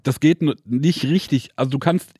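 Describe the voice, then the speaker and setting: A man's voice: mid-range voice, moderate pace, darkish tone, husky, dry recording, studio quality. A man in casual podcast chat, griping in a laid-back, wry way and drawing out his stresses.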